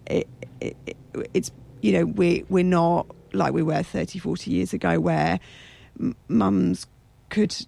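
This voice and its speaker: Croaky, hoarse woman with a frog voice. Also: lowish voice, fairly even intonation, dark tone, no echo. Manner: halting, searching for words. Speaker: radio show guest. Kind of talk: personal interview conversation.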